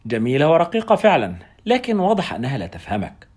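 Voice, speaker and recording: Male narrator doing a soft-voiced young woman, coaxing and reproachful, husky edge, lively swings in pitch. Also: fast. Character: young African woman, soft-spoken, insistent lover. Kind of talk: audiobook character reading.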